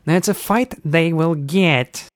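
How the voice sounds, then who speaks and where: A man's voice: fairly high pitch, measured pace, no echo, clean studio sound, soft background music, close to an everyday voice. A man doing a nasal, gloating gull pirate. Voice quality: irritatingly nasal. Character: frugal gull pirate captain, male.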